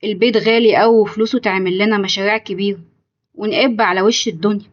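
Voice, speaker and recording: A woman's voice: medium pitch, steady tone, fast talker, dull audio, natural voice. A woman reading a stressed grown son, Egyptian accent. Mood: complaining. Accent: Egyptian Arabic. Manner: complaining, agitated.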